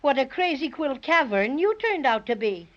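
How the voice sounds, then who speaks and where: An actor playing a peppery, greedy little teddy bear in 1930s radio style, sassy and quick to grumble. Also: high-pitched, very animated. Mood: huffy. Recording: muffled vintage 1930s radio recording.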